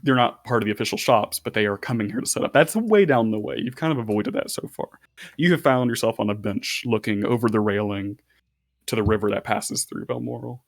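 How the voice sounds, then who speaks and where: A man narrating as game master for a tabletop role-playing game, relaxed and rambling with fillers. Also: fairly low pitch, fairly quick, vocal fry.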